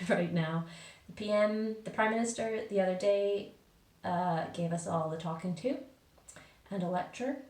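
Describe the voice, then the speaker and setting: A woman's voice: mid-range voice, distant mic. Echoey woman chatting in a bathroom. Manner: chatty, rambling, with many fillers. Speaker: vlogger. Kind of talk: casual catch-up chat. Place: small home bathroom with echo. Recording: echoey bathroom, voice a bit off-mic.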